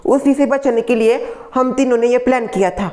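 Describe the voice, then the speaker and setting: A woman's voice: on the high side, moderate pace, warm tone, close to an everyday voice. A woman playing a defensive, scheming young daughter-in-law in a family comedy skit, talking in a pleading, explaining way. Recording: echoey room, faint background music.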